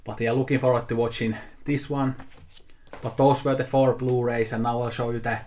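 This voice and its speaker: A 28-year-old man whose first language is Finnish talks casually and unscripted to camera, showing a haul of things he got. His medium-pitched, darkish voice is flat and at normal speed, and he rambles easily with frequent fillers and restarts.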